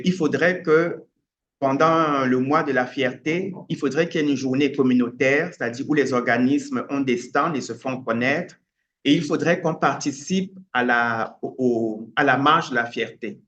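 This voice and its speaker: A man from Cameroon, a writer and activist, answering interview questions thoughtfully with frequent pauses and restarts. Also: medium pitch. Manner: hesitant, many pauses and restarts. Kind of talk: interview answers, reflective storytelling. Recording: dull lo-fi sound, faint ambience.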